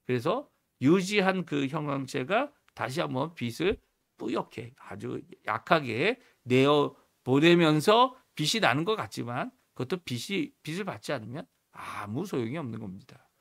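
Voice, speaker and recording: Male pastor, gravel in the voice, pitch a touch high, earnest sermon delivery. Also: big pitch swings, moderate pace, fairly bright tone. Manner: earnest teaching tone, rising emphasis, frequent restarts. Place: church, morning prayer livestream.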